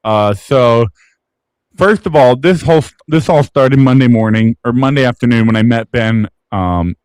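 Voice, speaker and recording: A young man co-hosting a sports podcast, telling a story in a relaxed casual way with lots of fillers. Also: medium pitch, moderate pace, clear, resonant tone, no room sound, low-quality recording. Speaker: podcast co-host.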